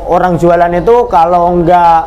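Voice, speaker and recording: A man's voice: sits high, little pitch movement, measured pace, a little mellow, dull audio, slight background noise. A man in his thirties with a Javanese accent, a cattle trader telling his career story plainly in a casual interview. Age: 30s. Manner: plain-spoken, addresses host as Mas, filler-heavy.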